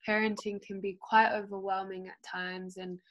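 A woman's voice: medium pitch, level tone, moderate pace, fairly bright tone. A woman hosting a casual chat, asking encouraging, upbeat questions.

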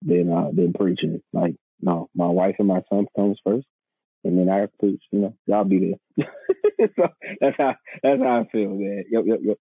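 A man's voice: low voice, fairly even intonation, normal speed, slightly rough, no room sound. A man in his thirties, a pastor, telling his story in earnest, casual conversation, often repeating his words and calling the host man or bro. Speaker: pastor, podcast guest. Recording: tinny phone-line sound.

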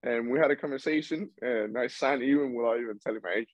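A man's voice: mid-range voice, fast, dry recording, highs cut off. A young man from Cuba, a baseball player chatting as an interview guest, rambling with restarts. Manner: rambling with frequent restarts and laughs. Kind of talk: casual interview chat.

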